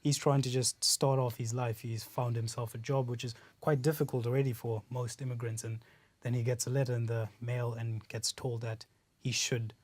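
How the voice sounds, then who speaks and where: A man moderating a radio debate, asking measured, structured questions. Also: medium pitch, level tone, a little mellow, no echo.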